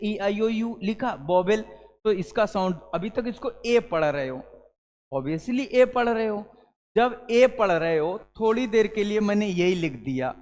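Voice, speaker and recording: A man teaching an English lesson at a board, calling his viewers children and answering his own questions. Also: sits high. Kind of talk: classroom lesson at a whiteboard. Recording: long hall reverb.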